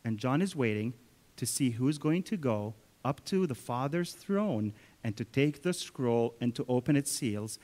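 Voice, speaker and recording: A man's voice: medium pitch, animated, unhurried, mellow. A man preaching a sermon in storytelling fashion, often turning to speak to the children. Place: church. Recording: long reverb of a church hall.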